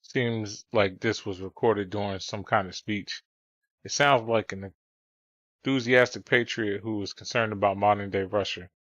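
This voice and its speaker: Низкий мужской голос стримера, глухая запись. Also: male voice, lowish voice, fairly even intonation, measured pace, fairly bright tone, slight background noise. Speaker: streamer playing a detective game. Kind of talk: gameplay commentary, reading aloud. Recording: dull lo-fi sound, music behind.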